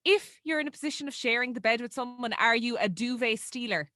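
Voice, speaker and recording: A woman's voice: fairly high pitch, fairly quick, sharp tone, no room sound, studio quality. A woman hosting a radio interview, asking playful, teasing questions. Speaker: radio host. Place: radio studio.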